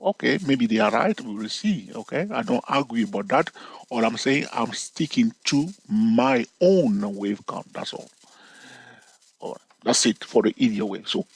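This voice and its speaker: Animated and at normal speed, a husky trading educator walks viewers through charts on a casual screen share, captured in low-quality audio. He teases and plays, speaks to the audience directly with frequent "okay?" and "all right?" checks, and spikes his pitch for emphasis.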